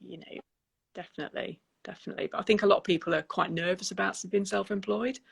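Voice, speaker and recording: Gravelly, flat-voiced middle-aged woman. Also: mid-range voice, quick pace. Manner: soft, trailing off, fillers like "you know". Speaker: guest, wedding business owner. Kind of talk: casual video-call chat. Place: room at home, indoors. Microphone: laptop webcam on a video call.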